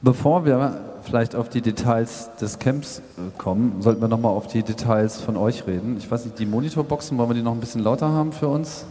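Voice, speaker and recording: A man's voice: medium pitch, fairly quick, hardly any pauses, dark tone, slight background noise. A man casually moderating a talk as host on stage. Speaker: panel host. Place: large reverberant hall, on stage. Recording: echoey hall, live stage PA.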